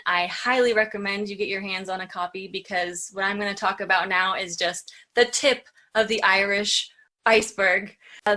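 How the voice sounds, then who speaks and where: A woman's voice: medium pitch, sharp tone. A woman hosting an educational show, telling folklore in a chatty, casual way with light asides. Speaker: show host.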